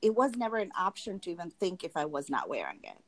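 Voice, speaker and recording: Her voice sits on the low side, swoops wildly in pitch, and moves fast. This young woman from Tanzania is a guest in a candid interview, warmly and reflectively recounting her experiences with lots of fillers.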